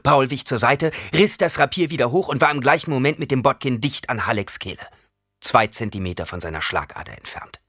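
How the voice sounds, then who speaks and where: A male audiobook narrator reads in an expressive storytelling manner. His voice is husky and bright and sits fairly low, with a lively intonation. The recording is dry and close. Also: fairly quick, no room sound. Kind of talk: scripted narration.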